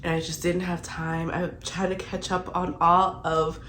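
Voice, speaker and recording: In a rambling, chatty vlog, a young woman talks about her reading and fills her speech with "like." Her congested, stuffy voice is lowish and fairly bright, with a flat, unhurried delivery and a little hiss or hum behind it.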